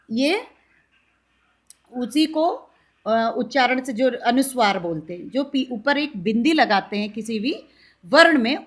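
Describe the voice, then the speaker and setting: A woman teacher giving a classroom grammar lesson, drawing out each vowel sound and asking questions she answers herself. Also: high voice. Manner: slow, drawn-out demonstration of vowel sounds, asks questions and answers them herself.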